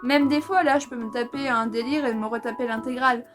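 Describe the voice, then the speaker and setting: Chatty young Frenchwoman, higher voice. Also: fairly even intonation, fairly quick, music in the background. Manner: chatty and enthusiastic, slangy. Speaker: manga vlogger. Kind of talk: casual vlog chat.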